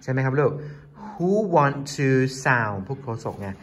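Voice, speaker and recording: A man's voice: mid-range voice, expressive, slow pace, a bit bright. A man with a Thai accent teaching an English class, mixing Thai and English as he coaxes his students along.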